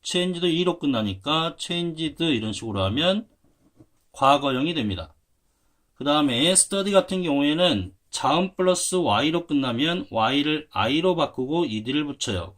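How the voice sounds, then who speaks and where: A man's voice: a little high, a bit bright. A man teaching English grammar to Korean learners, explaining patiently at a board and spelling words out letter by letter. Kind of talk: explaining at a whiteboard.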